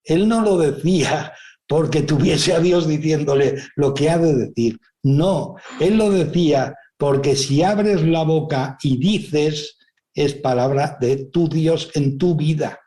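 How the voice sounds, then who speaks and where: A man's voice: a little high, takes it slowly, dark tone. A man giving a spiritual motivational talk, explaining ideas and checking in with rhetorical questions. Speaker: speaker, writer.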